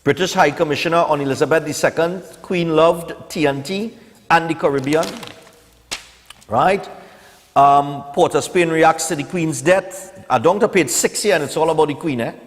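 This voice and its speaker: Here a morning show host from Trinidad and Tobago, a man in his forties, speaks at normal speed with a fairly high pitch. He covers the newspapers in casual live talk, conversational and full of opinions, sprinkling in "eh" and "you know." A long reverb rings around his voice as though he's in a hall.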